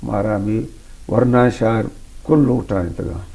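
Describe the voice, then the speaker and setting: A man talking slowly and softly as an interview guest, reciting poetry line by line with emphasis. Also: fairly low pitch, steady tone, creaky, breathy edge. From Balochistan. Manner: slow, soft-spoken, recites verse line by line with emphasis. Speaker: poet guest. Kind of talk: relaxed interview, reciting verse.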